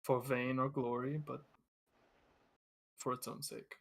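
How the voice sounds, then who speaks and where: A man's voice: medium pitch, flat delivery, takes it slowly, creaky, fairly bright tone, a little hiss or hum. A man voicing a guarded male adventurer who carries a moonblade and speaks solemnly.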